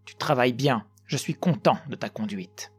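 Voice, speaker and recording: Man voicing a fatherly old master, firm, reassuring, steady tone. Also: mid-range voice, moderate pace, husky, faint music behind, natural voice. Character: kind older male master craftsman, steady and fatherly.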